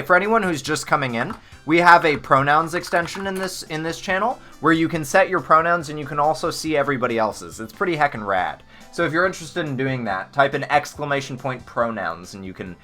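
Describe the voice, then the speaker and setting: Playful, animated male streamer. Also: mid-range voice. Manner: playful, chatty, goofy. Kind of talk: casual livestream chat.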